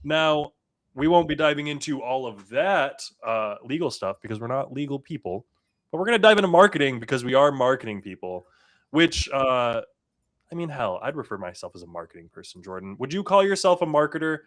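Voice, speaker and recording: A man's voice: medium pitch, animated, brisk, fairly bright tone. A man hosting a casual marketing podcast, joking and emphatic as he talks. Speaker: podcast host.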